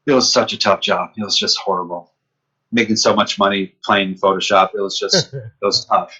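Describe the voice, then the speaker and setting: A man in his fifties from upstate New York chats as a podcast guest, his fairly low voice coming across bright and a little husky. He tells stories in a lively way and acts out the exchanges he recalls. The audio is dull and lo-fi. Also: normal speed. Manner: lively storyteller who acts out quoted exchanges. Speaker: podcast guest, comic book artist. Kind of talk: casual storytelling chat.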